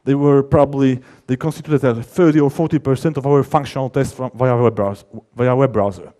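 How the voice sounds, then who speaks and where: Speaking a little fast, a male conference presenter who works as a software developer uses a mellow, relaxed voice of ordinary pitch. He keeps the technical discussion informal, emphasizing key words, and regularly breaks off sentences to rephrase them.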